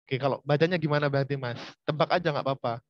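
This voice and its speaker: A man's voice: medium pitch, fast talker, no room sound. A man teaching a university lecture online, chatty and speaking straight to his students. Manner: chatty, addresses students directly. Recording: dull, lo-fi.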